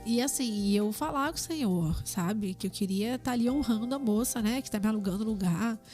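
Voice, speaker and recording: Woman, brazilian portuguese accent, earnest and reflective, fairly high voice, faint music underneath. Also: fairly quick, darkish tone. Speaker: podcast guest, tattoo artist. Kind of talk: casual testimony chat.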